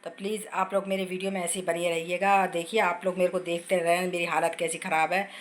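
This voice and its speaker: A woman's voice: lowish voice, level tone, fast talker, a little hiss or hum. A middle-aged woman vlogging casually from her home kitchen while unwell, chatting at length and retelling conversations with family.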